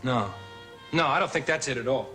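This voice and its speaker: An actor playing a lovelorn, reproachful outlaw suitor in a television soap opera. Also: male voice, medium pitch, expressive, brisk, music in the background, lightly acted. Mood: hurt, reproachful.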